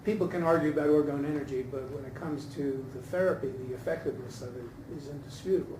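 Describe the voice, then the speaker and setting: A man with a slightly high, mellow voice talks fast as he offers hesitant, informal feedback, thinking aloud during a group discussion. He is an audience member, a scholar giving a casual spoken critique at a talkback after a reading. The recording was made indoors, far from the mic, so it sounds distant and roomy with background noise.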